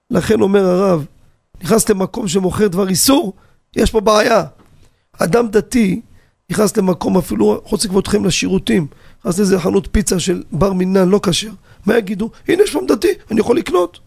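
Animated, gravelly-voiced rabbi on the radio. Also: male voice, sits high. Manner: animated, asks rhetorical questions, tells anecdotes. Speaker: rabbi teaching on a radio show.

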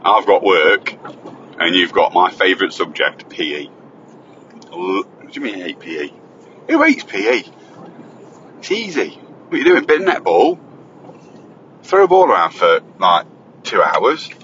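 A man's voice: sits low, expressive, moderate pace, long pauses, a bit bright, muffled recording, slight background noise. A man chatting and joking as he hosts his own school-run recording from the car, teasing and bantering. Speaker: host and father on the school run. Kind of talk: casual chat while driving. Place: inside a car on the road. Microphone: phone voice recorder.

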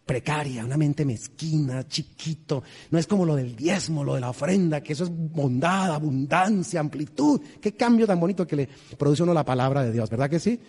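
A male pastor tells stories from the pulpit with humor and lively energy, tossing questions out to his congregation. His voice sits a bit high for a man. The sound carries a long, reverberant tail from a large church hall. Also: a little fast, few pauses, husky. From Colombia. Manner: animated, humorous, quizzes the congregation. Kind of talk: storytelling sermon.

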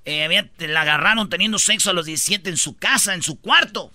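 High, bright Mexican male comedy radio host. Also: fast, no echo. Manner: slangy, jokey. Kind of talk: comic banter over news items.

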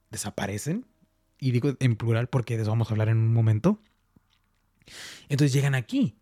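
A man's voice: medium pitch, warm tone. A man hosting a podcast, casually breaking down a movie trailer in a playful, rambling way. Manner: chatty, playful, rambling with repetitions. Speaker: podcast host.

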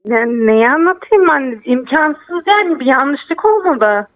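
High-voiced hesitant young woman on the phone. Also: expressive, slow, no room sound, muffled recording. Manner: hesitant, confused, defensive. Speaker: prank call victim. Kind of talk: phone conversation.

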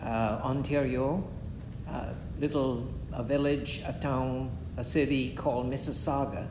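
A man, preaching in short measured phrases and pausing after each one for an interpreter. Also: fairly even intonation. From Guyana. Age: 70s. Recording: echoey room with a faint rumble.

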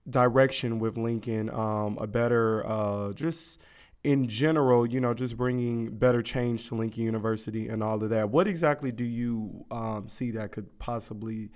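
Young man, American accent, resonant clean voice, medium pitch, casual radio interviewer, encouraging, slangy. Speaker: interviewer, campus radio host. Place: radio studio.

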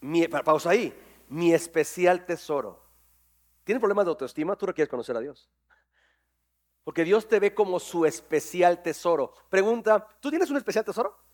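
A man preaching a sermon to his congregation, lively and jokey, quizzing people on verses. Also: high-pitched, moderate pace. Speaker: pastor. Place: church hall with congregation.

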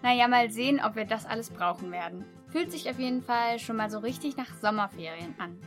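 Young female student reporter, higher voice, chatty travel diary, faint music behind. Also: fairly quick. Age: young adult. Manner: chatty, upbeat, personal.

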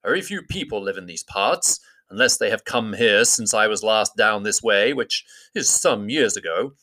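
Guy doing a grand old wizard, formal and bossy, bright edge. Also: on the low side, expressive, moderate pace, poor audio. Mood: grave. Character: old male wizard, wise and commanding.

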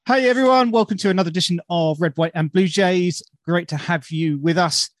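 A man's voice: high-pitched, fairly quick, no room sound. A British man hosting a podcast in an informal, enthusiastic, chatty way. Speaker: podcast host. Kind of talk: casual chat.

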